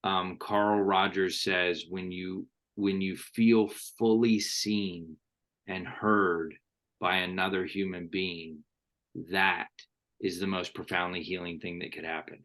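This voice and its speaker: Male host, very low voice, thoughtful and sincere. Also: a bit bright. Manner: earnest, quotes thinkers, slows for emphasis. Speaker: podcast host. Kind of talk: reflective interview talk.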